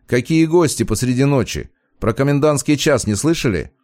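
A man voicing a nervous young male police officer who barks gruffly, his voice cracking. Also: mid-range voice, expressive, moderate pace, darkish tone, pitched above the performer's own voice, close to an everyday voice.

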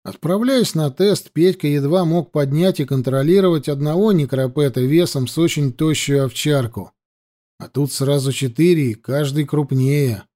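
A man narrating a fantasy audiobook in a steady storytelling manner. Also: a little high, moderate pace.

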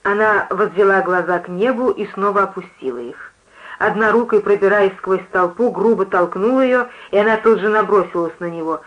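A reader narrating a literary story in a measured storytelling manner. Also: medium pitch. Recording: muffled lo-fi recording.

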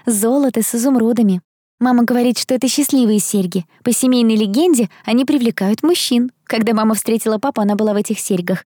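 A chatty, dreamy young woman student, a little spoiled, as a female narrator puts her on. She is bubbly and runs on, her voice lifted well above the reader's own. The tone is mellow and the recording close and dry. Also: fairly high pitch, quick pace, dry recording, voice pushed up, close to an everyday voice. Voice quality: bubbly, talkative. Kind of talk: audiobook character voice.

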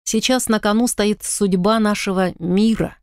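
Woman reading as a calm elder lycan man. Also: high-pitched, clear, resonant tone, no echo, clean studio sound. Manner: calm, measured. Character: calm composed male lycan, elder brother.

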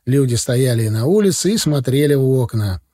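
A man reads a first-person story aloud with a husky, mellow voice. His pitch moves a lot as he tells it, bringing lively color to the narration. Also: normal speed. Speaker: audiobook narrator.

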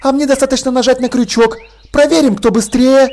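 A blunt, sharp-tongued young woman soldier, as a male reader puts her on speaks in a high, clipped voice. She sounds hard and unimpressed in this storybook reading. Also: steady tone, fairly quick.

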